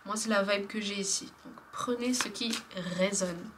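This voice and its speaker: A woman giving a casual spiritual card reading, chatty and hesitant, often dropping to a soft whisper. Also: medium pitch, steady tone, moderate pace, heavy background noise. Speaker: tarot card reader.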